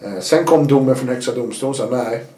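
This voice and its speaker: A man, a guest telling his story in a casual interview, animated and acting out what people said. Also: medium pitch, roomy sound. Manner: animated, acts out quotes with sudden loud bursts.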